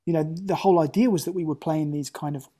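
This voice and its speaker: A man's voice: a little high, fast, dark tone. A man, an actor as interview guest, telling long anecdotes with lots of restarts over a remote call. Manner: rambling anecdotes with many restarts. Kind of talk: casual interview chat.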